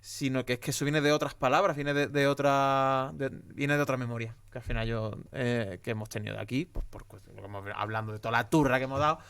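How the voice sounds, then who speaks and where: Smooth-voiced Andalusian man, emphatic. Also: mid-range voice, fairly even intonation, fast, hardly any pauses, fairly bright tone, no room sound. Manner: emphatic and heated, many restarts. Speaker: guest comedian. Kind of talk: casual podcast conversation.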